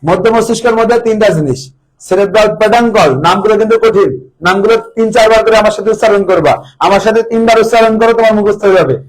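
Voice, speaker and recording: Rapid-fire and high-pitched, this male tutor drills biology terms for an exam, saying each one repeatedly and testing students on it. The audio quality is poor.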